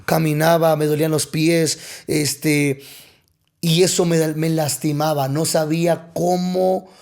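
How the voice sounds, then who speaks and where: A man's voice: a little high, level tone, slow pace, a little mellow. A young adult man from Mexico, a pastor telling a personal testimony on a podcast, emotional and repeating words for weight.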